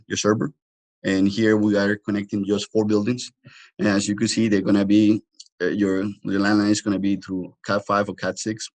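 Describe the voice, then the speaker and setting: A man working as a product trainer presents an informal technical webinar, explaining haltingly with frequent restarts and repetitions. His voice is fairly low in pitch and a little mellow.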